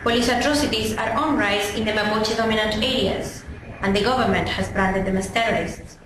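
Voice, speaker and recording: A woman's voice: fairly high pitch, brisk, noisy background. Woman in a very echoey room. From Chile. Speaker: blogger. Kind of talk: statement to camera. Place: small indoor room.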